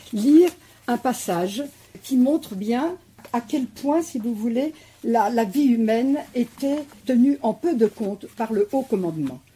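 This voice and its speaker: Very husky, dark-voiced woman. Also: a little high. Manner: hesitant, frequent fillers and restarts. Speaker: guest discussing a war novel. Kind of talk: explanatory talk with read-aloud passage.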